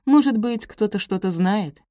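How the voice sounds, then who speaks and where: A timid young servant woman, polite and placating, who sometimes stammers, as a woman narrator puts her on. She speaks higher than the narrator, and the recording is dry and close. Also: expressive, moderate pace, warm tone, dry recording, lightly acted. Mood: meek.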